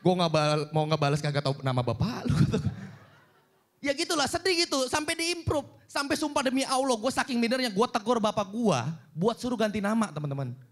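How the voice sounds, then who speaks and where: A young man works a stand-up set on a cinema stage, and his voice sits notably high for a man. He tells his stories with animated energy and acts out every quoted line. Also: a little fast. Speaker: stand-up comedian. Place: cinema stage with a live audience.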